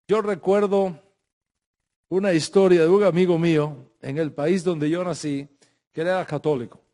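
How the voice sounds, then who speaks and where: A man's voice: fairly high pitch, a little mellow. A middle-aged man teaching a religious class, emphatic, repeating phrases and restarting his sentences. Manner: speaks in Spanish with Hebrew religious terms.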